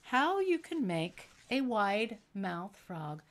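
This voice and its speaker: A woman's voice: mid-range voice, big pitch swings, slow pace. A woman children's entertainer presenting to young children in simple, repetitive phrases, with the showy patter of a kids' party magician.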